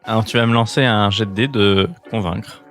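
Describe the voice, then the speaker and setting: A man's voice: lowish voice, fairly even intonation, normal speed, fairly bright tone, soft background music. A man improvising the narration of a tabletop fantasy game as its game master.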